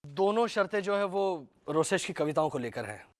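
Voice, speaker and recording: An actor playing a calm grown son who explains things in a matter-of-fact way. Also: male voice, sits high, moderate pace.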